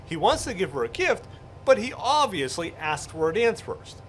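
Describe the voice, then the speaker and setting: A man's voice: sits high, big pitch swings, normal speed, slight background noise. A man co-hosting a comedy show, recapping a plot in a mock-earnest, sarcastic way. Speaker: co-host pitching a mock script.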